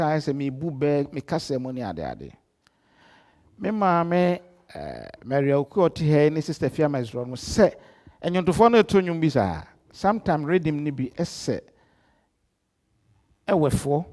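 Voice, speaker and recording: A middle-aged man from Ghana with a Ghanaian accent, an apostle giving a live-streamed church address that swings between loud emphasis and soft asides. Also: a little high. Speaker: apostle preaching.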